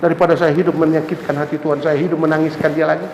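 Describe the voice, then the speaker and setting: A pastor preaching an impassioned sermon, swinging from soaring cries to low murmurs. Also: male voice, flat delivery, rapid-fire, a little mellow, a little hiss or hum. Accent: Indonesian. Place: church sanctuary. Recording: echoey church hall with faint ambience.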